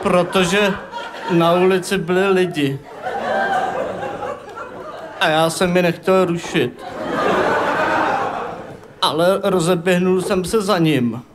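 Suchý komik s vysokým hlasem. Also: male voice, high voice, pauses often, over a noisy crowd. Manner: dry deadpan storytelling. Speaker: stand-up comedian. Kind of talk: deadpan stand-up monologue. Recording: live stage, loud laughing audience. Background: loud audience laughter and noise.

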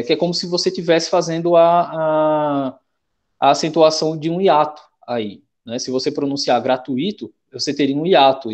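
A young man with a Brazilian Portuguese accent, teaching an online class in a relaxed, chatty way that keeps checking in with the students. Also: fairly high pitch. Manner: relaxed, chatty, checks in often with slangy rhymes.

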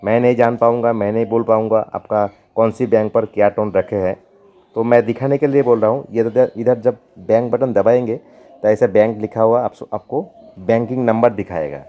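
A man hosting a keyboard tutorial, talking slowly and repeating himself, pleading with viewers. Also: lowish voice, fairly even intonation, muffled recording. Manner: slow, repetitive, pleading.

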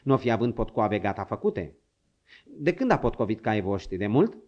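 A man voicing a gruff, crafty old male frontier hunter who grumbles and scolds, in a dull lo-fi audiobook recording. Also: lowish voice, big pitch swings. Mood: sly.

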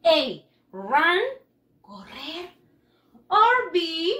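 A woman teaching English to first graders in a high, lively, sing-song voice. She stretches each word out slowly so small children can follow, and her voice sounds bright and ringing. She is recorded in an echoey room. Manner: slow, exaggerated reading-aloud for young children. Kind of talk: bilingual children's lesson.

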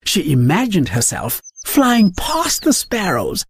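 A woman's voice: lowish voice, wildly swooping pitch, slow. A woman reads a children's picture book aloud. Her voice rises and falls dramatically in a sing-song way, and she takes her time. A faint hiss sits under the voice. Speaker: storyteller. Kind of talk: children's story read-aloud.

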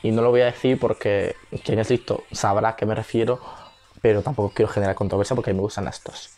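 A man's voice: fairly even intonation, fast talker, a little mellow. Man, Spain Spanish accent, young adult, casual reaction commentary, chatty, squeals and gasps. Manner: chatty, breaks into high-pitched squeals and gasps. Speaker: video reactor.

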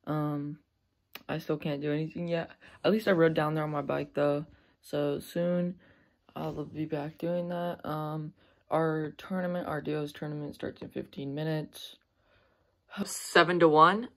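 A young woman chatting in an upbeat, rambling vlog, her voice sitting a little lower than most. She keeps drifting with ums and restarts and laughs easily as she talks to the camera. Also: level tone, unhurried. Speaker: vlogger. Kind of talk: casual vlog chat.

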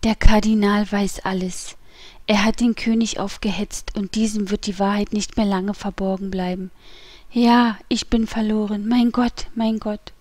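A frightened queen in a storybook reading pleads and groans in despair, as a woman puts her on. Her voice sits at a middling pitch and turns breathy when fear grips her. It is close and dry, with no room around it. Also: fairly even intonation, measured pace, a little mellow, no echo, close to an everyday voice. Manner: anguished, pleading, breathy at times. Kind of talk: audiobook character voice.

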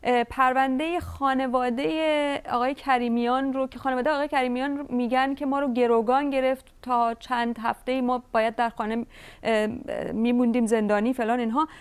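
A woman news presenter runs a broadcast interview. Her voice is smooth and resonant and sits slightly high. She asks in a composed way, with brief hesitations. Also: steady tone.

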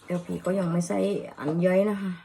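A woman from Thailand casually demonstrating a recipe in a home kitchen. She speaks politely, explains each step and softly repeats herself. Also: lowish voice, little pitch movement, fast, creaky, slight background noise, rough recording. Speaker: cooking vlogger.

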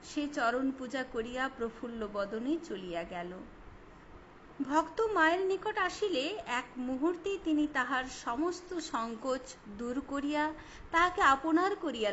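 A woman reading a biography aloud in a measured, formal literary manner. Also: high-pitched, lively intonation, a bit bright. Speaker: reader. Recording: slightly dull recording with faint hiss.

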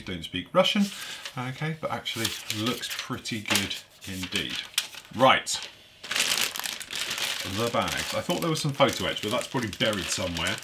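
A man with a congested, stuffy voice of medium pitch and fairly bright tone chats casually while reviewing a model kit, thinking aloud as he handles the parts. He stays off-screen beneath an overhead camera on a workbench, and a little hiss or hum can be heard.

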